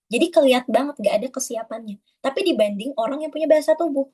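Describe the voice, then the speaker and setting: A woman's voice: high-pitched, fast talker, poor audio. A woman giving a casual webinar lesson, chatty and addressing her listeners as friends. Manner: chatty, addresses listeners as friends, demonstrates flat and lively delivery. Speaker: webinar speaker. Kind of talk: casual instructional talk.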